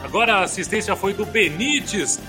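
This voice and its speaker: A Brazilian man doing live football play-by-play, explosive goal commentary with shouted, drawn-out goal calls. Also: high voice, expressive, music in the background.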